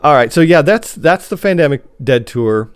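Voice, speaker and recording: A fairly high, clean-toned voice belongs to an American podcast co-host from Chicago, talking at a moderate pace with lively intonation. He discusses TV news casually, a bit hesitant, returning to points mid-thought.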